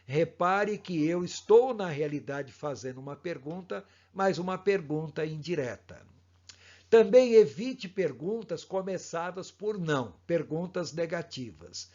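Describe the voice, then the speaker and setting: A man, giving a recorded course lecture on counseling in a measured, didactic way. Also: on the high side, animated, darkish tone. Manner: slow, measured, didactic explanation. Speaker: instructor in pastoral counseling. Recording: dull lo-fi recording.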